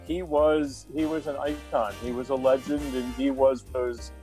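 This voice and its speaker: A man's voice: mid-range voice, level tone, unhurried, mellow, soft background music. A man telling a casual anecdote, with many fillers as he goes. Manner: chatty, filler-heavy storytelling. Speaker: guest.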